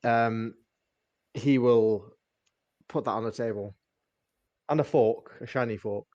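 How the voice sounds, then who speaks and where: Guy playing a tabletop rpg, casual chatty describing his moves, average pitch, super dry sound. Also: slow pace, a little mellow, dry recording, highs cut off. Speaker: player in a tabletop game. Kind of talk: casual chat, describing his character's actions.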